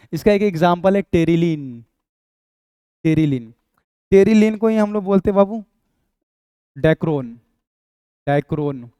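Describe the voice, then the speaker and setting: Young man, high yet mellow, smooth voice; teasing chemistry tutor. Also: no room sound. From Bihar. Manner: playful, banters with imagined students, sings a snatch. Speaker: chemistry teacher. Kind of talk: exam-prep lecture.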